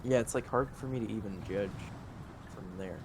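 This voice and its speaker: A man's voice: lowish voice, background noise. Joking man in game-night banter. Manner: joking, quick to laugh. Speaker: player. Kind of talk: casual tabletop game banter.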